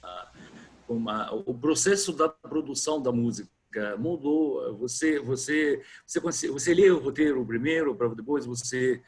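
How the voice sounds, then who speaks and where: A man asking questions over a remote call whose audio keeps glitching and breaking up, speaking haltingly with many restarts. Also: mid-range voice, animated, slightly rough. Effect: choppy, glitching video-call audio that keeps breaking up. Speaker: interviewer. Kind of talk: remote video-call interview.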